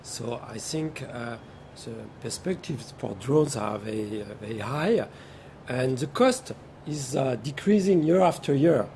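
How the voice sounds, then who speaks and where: A man with a mellow, dark voice speaks very slowly as a conference panel guest. He often halts to search for words. Faint event ambience sits behind him. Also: mid-range voice, expressive, a little hiss or hum. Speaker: panel guest, company executive. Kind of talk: panel discussion. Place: conference exhibition stand.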